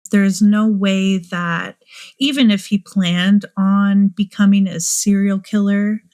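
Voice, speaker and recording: Woman, true crime host, unhurried delivery, rhetorical questions, thinking aloud. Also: medium pitch, steady tone, a little mellow. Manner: musing, asks many rhetorical questions. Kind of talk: speculative true crime commentary.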